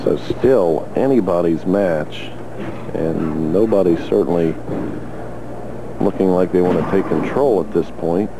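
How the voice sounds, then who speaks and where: Deep-voiced male bowling announcer. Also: gravelly, very noisy. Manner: brisk scorekeeping calls, brief asides to viewers. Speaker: play-by-play announcer. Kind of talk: TV bowling play-by-play.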